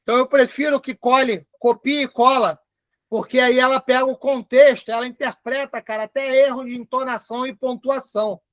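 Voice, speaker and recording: High-voiced Brazilian man teaching a class. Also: steady tone, fairly bright tone, no room sound, studio quality. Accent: Brazilian Portuguese. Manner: chatty, dictates slowly word by word. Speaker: instructor. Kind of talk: live online class.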